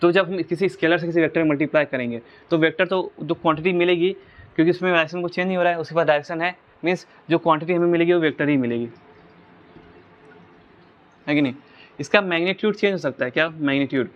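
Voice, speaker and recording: A man teaching physics at a board, walking through each step and often pausing to ask whether the class follows. His voice sits a little high for a man. The recording sounds somewhat dull and lo-fi. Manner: explains step by step, asking the class rhetorical check questions. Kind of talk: whiteboard physics lesson.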